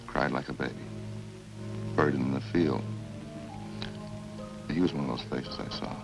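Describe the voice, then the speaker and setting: A male bass voice at the very bottom of the range, gravelly, plays a cold-blooded drifter confessing to killings in a vintage old-time radio crime drama. He is casual, matter-of-fact, and remorseless, confessing in a flat, unhurried way. The audio is poor, like an old radio recording with music behind him.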